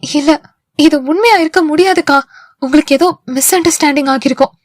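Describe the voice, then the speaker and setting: A woman's voice: high voice, moderate pace, dry recording, studio quality, close to an everyday voice. A woman voicing a young woman with a childlike, pleading way of talking. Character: young woman, playful then anxious.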